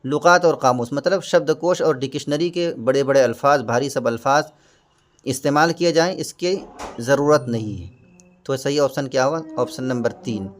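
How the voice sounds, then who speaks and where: A man's voice: medium pitch, slight background noise. A man teaching exam prep, going through each question patiently and glossing every term with a simpler word. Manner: patient, repeats and glosses terms.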